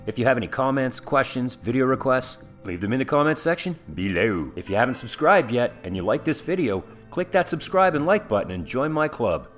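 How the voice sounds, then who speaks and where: A man's voice: mid-range voice, big pitch swings, brisk, hardly any pauses, a bit bright. A man narrating a scripted facts video in an upbeat manner. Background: background music.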